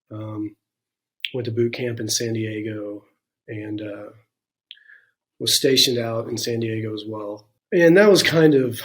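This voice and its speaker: Candid man telling his life story. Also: mid-range voice. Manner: frank and reflective, with many "you know" and "um" fillers. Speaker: interview guest. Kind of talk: candid personal storytelling in a conversation.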